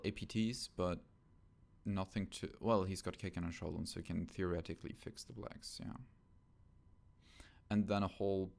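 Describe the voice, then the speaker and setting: Low gravelly man mulling over lists. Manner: hesitant, thinking aloud with many ums. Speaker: podcast co-host. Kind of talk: casual tabletop game discussion. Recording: rough home audio.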